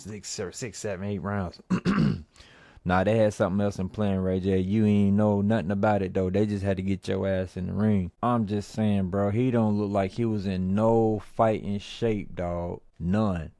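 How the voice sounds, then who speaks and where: Deep-voiced man ranting in slangy commentary. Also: no echo, studio quality. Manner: slangy, rambling, animated when ranting. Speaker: movie review vlogger. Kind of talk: casual commentary.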